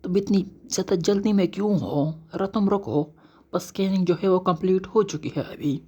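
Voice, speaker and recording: A man's voice: high voice, normal speed, a little mellow, breathy edge, muffled recording, pitched above the performer's own voice. Man doing a mocking magic ring spirit. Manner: teasing, chatty, calls hero child. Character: talking magic ring spirit, male, mocking know-it-all.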